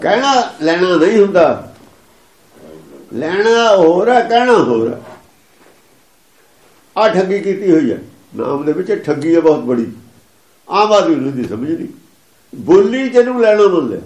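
A man's voice: high-pitched, sing-song, a little slow, pauses often, darkish tone, echoey room. A man giving a sermon that explains scripture, repeating and chanting its lines with emphasis. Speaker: religious preacher.

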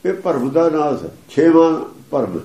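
A man's voice: a little high, very animated, measured pace, mellow, roomy sound. A man giving a sermon that explains scripture, repeating and chanting its lines with emphasis. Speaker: religious preacher.

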